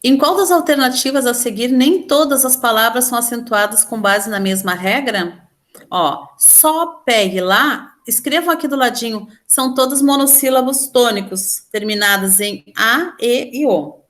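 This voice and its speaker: Brazilian woman, teacher, slightly high voice, patient step-by-step explainer who quizzes the class. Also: moderate pace, a bit bright. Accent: Brazilian Portuguese. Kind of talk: online class lesson.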